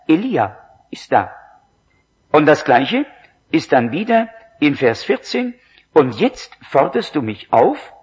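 A man preaching a sermon, slow and emphatic, his voice rising in exclamations. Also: mid-range voice, slightly rough. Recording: dull lo-fi recording.

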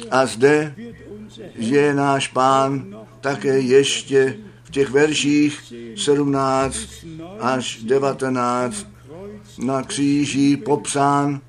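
Man preaching a slow, solemn sermon. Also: mid-range voice. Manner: slow, measured sermon delivery with solemn scripture reading.

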